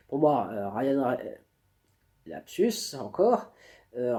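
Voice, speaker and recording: A man's voice: on the high side, dark tone. A man giving a spontaneous face-to-camera book review, hesitating often with fillers and restarts. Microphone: camera mic.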